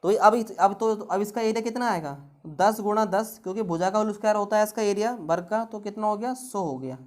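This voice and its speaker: A woman math tutor teaches an exam-prep lesson, working the problems through and asking rhetorical questions at every step. She speaks at an ordinary pitch, patient and methodical, with a brisk pace and a slightly mellow tone.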